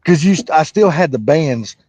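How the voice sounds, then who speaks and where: A man's voice: a little high, lively intonation, a little mellow, slightly rough, no room sound. A man, swearing freely in a casual live-stream chat. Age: 50s. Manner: salty, swears freely, drawn-out rambling.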